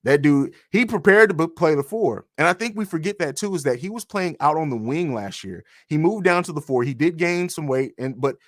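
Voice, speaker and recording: A man's voice: on the high side, lively intonation, fairly quick, hardly any pauses, no room sound, studio quality. Rambling male sports podcast host. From grew up in Germany on a US military base. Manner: rambling, restarts, blunt and profane. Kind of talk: casual sports podcast talk, reading chat.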